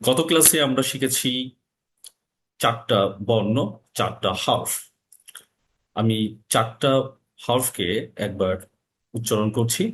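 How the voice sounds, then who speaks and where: A man teaching an online Quran recitation lesson, slowly drawing out Arabic letter sounds and reciting short phrases. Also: mid-range voice, a bit bright. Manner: slow, drawn-out demonstration of Arabic letter sounds.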